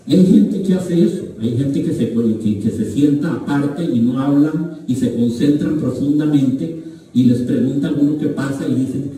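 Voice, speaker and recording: A Costa Rican man teaching a literature class in a museum auditorium, reading passages aloud and then explaining them in animated asides. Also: on the high side. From Costa Rica. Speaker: humanities lecturer. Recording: echoey auditorium from far off.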